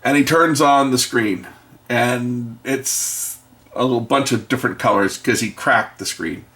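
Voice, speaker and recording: A middle-aged man tells a casual, rambling story with wry humour as he tinkers at his bench. He drops into quieter muttered asides about the repair now and then. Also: mid-range voice, unhurried. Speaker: video maker and electronics tinkerer. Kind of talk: casual anecdote told while repairing.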